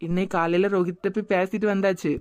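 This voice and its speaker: A woman voicing a calm, reassuring young woman friend in a cartoon, with a Kanyakumari Tamil accent and a steady manner. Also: medium pitch, fast, no echo, close to an everyday voice.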